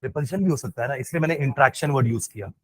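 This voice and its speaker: A male chemistry teacher lecturing a class, asking students again and again whether they follow and dictating notes slowly, with phrases. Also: mid-range voice, animated, dry recording.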